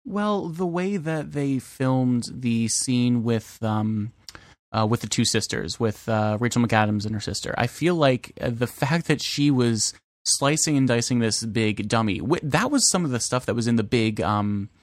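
A man's voice: mid-range voice, unhurried, dry recording, clean studio sound. A man co-hosting a podcast in casual chat, easygoing and thinking aloud with ums. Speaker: podcast co-host.

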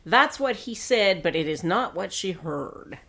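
A woman co-hosting a podcast in casual chat, quick to tease and share her opinions. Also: on the low side, animated, creaky, pushed and bright. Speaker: podcast co-host. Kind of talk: casual chat recapping a dating show.

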